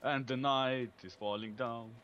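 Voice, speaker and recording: A man's voice: mid-range voice, fairly even intonation, unhurried, fairly bright tone, lo-fi sound. A young man giving short, blunt replies while he plays a co-op game with a friend. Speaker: gamer. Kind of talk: casual co-op gameplay chat.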